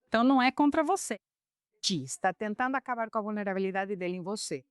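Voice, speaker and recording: On a podcast, a woman who teaches the Enneagram explains personality types patiently, using real cases and acting out the quotes. Her medium-pitched voice is expressive and clean, and she talks fast. The recording is dry, with a clean studio sound.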